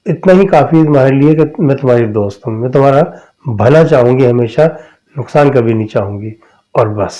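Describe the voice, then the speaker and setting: A man reading out a kindly female jinn spirit in a spoken horror tale, with a mellow, warm tone. She coaxes and soothes softly, sure of her own goodwill. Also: mid-range voice, dull audio, lightly acted. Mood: reassuring. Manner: soft, reassuring, coaxing.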